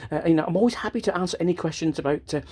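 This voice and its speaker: Filmed indoors on a tripod camera, this casual show-and-tell vlog has a man rambling cheerfully about his model railway layout, frequently interrupting himself mid-sentence. His voice sits a little high and a little mellow, and he talks in a rapid-fire rush.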